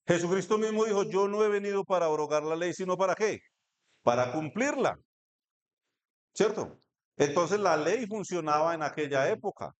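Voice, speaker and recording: With a high-pitched, animated voice at normal speed, a Colombian-accented man preaches in an echoey church hall. Reading scripture aloud, he also poses questions to the congregation.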